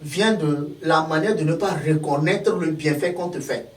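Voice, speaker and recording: A man's voice: fairly high pitch, moderate pace. A man from Togo with a Togolese accent, a guest explaining ideas through everyday examples in a casual talk. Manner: animated, explains with worked examples. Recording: echoey room, far from mic.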